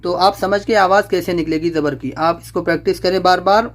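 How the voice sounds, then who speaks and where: High-voiced man drilling reading syllables. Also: fairly even intonation. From South Asia. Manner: slow drawn-out drilling of syllables, then quick explanations. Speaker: Quran reading teacher. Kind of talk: patient step-by-step lesson.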